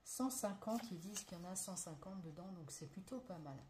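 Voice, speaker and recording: A woman's voice: on the low side, lively intonation, brisk. A French woman casually showing craft supplies on a table, talking through each step with many fillers. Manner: chatty, many fillers and "voilà", narrating her hands. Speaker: crafts vlogger. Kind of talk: casual show-and-tell unboxing. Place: indoors at a table, not her home. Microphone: phone camera. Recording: loud crinkling and clicking noise.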